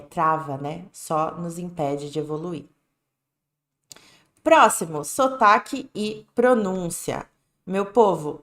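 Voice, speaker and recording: A woman with a Brazilian Portuguese accent and a fairly low voice teaches an English lesson on a live stream, casual and direct. She often checks in with "né?" and "tá bom?", and the room echoes.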